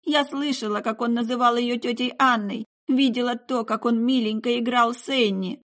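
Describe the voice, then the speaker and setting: A woman's voice: fairly high pitch, fairly even intonation, moderate pace, fairly bright tone, voice pushed up, lightly acted. A woman voicing a middle-aged mother pouring out bitter, remorseful confessions. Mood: anguished. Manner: emotional, pleading outbursts.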